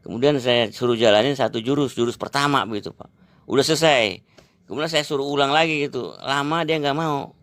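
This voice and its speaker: An exercise teacher in his seventies tells an interviewer a long, rambling story, repeatedly dropping "gitu" and "Pak." His mid-range voice is a little fast and fairly bright, with no room sound.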